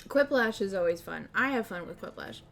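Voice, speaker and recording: An easygoing woman hosts a casual game livestream, chatting at a middle pitch. Music plays softly behind her relaxed, offhand talk. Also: brisk, creaky. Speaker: streamer and host. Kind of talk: casual livestream chat while playing party games.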